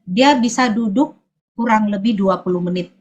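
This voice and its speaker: A woman from Sulawesi giving a personal testimony at church, often pausing to search for her words. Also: mid-range voice, darkish tone, breathy edge, highs cut off.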